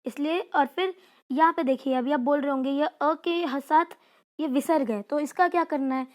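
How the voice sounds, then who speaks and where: A woman's voice: high voice, moderate pace, a little mellow. A woman teaching a lesson. She carefully spells out words one at a time, then explains each step in a chatty teacher's way. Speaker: Sanskrit teacher. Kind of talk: classroom lesson explaining exercises.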